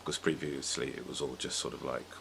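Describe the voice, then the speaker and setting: With clear background noise in the recording, a bass-voiced man hosts a podcast, musing hesitantly and meandering through relaxed chat about films and video games. He talks a little fast with a flat delivery and a slightly bright tone.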